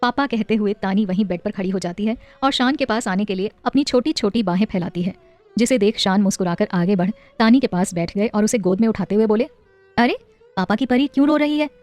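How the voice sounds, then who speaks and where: A woman narrating a scripted audio story in a steady storytelling manner. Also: mid-range voice, a little fast, no room sound.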